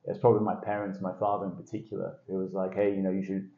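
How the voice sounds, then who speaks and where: In a casual interview, a northern English sales director speaks quickly in a low, level voice. He's chatty and self-deprecating, often restarting and laughing lightly, and the sound is dull and lo-fi in an echoey room.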